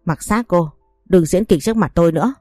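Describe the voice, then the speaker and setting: A woman's voice: fairly low pitch, a little fast, darkish tone, dry recording, faint music behind, close to an everyday voice. A woman reading the lines of a furious young husband who scolds harshly. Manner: scolding, cursing.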